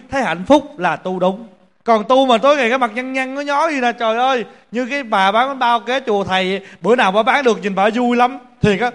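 A man's voice: extremely high pitch, fairly bright tone. A man, a Buddhist monk giving a casual dharma talk, telling stories with laughter and playful acted asides.

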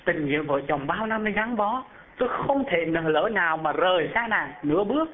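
A man's voice: high-pitched, animated, moderate pace. A man voicing a dying old husband who pleads and laments with his wives, heard over a phone-like narrow band. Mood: pleading.

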